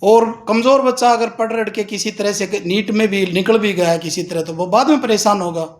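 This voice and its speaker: A man with a high voice speaks earnestly to parents, giving advice in a plain, informal way. He is middle-aged and often reels off numbers as he makes his case. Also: moderate pace. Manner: earnest, advising, reels off figures. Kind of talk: informal address at a protest.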